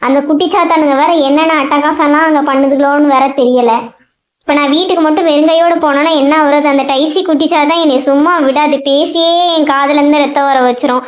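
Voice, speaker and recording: Poombu, someone voicing a whiny high-pitched monster. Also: steady tone, brisk, lightly acted. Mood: grumbling. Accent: Tamil. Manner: whiny, complaining rant. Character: fretful male monster, grumbling and put-upon. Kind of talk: cartoon voice acting. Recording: roomy, dull lo-fi sound.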